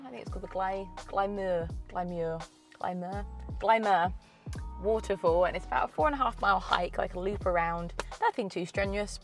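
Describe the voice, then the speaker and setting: A woman in her thirties from Scotland talks to camera in a medium-pitched, fairly bright voice within an echoey room. Congested and slightly nasal from a cold, the travel vlogger keeps things casual and laughs often, wearing a clip-on lapel mic as she moves from a small wooden cabin into a car.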